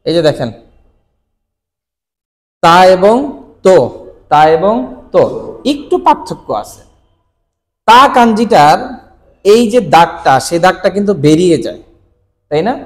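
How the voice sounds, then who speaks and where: A man teaching a Japanese kanji lesson, asking questions and answering them himself with steady repetition. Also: sits high, measured pace, long pauses, in a large hall. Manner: asks questions and answers them himself, repeating key words.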